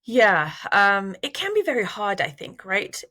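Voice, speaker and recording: A middle-aged woman from Iraq speaks as an interview guest, her voice sitting at an ordinary pitch. She talks in a measured, thoughtful way, pausing on fillers and restarting phrases as she explains. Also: big pitch swings, pushed and bright. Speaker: researcher guest. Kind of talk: interview answers.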